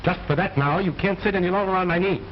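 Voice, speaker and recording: A man's voice: high voice, quick pace, lightly acted. Man as pompous ventriloquist, formal stage patter, exasperated straight man, muffled old film sound, faint noise. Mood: scolding.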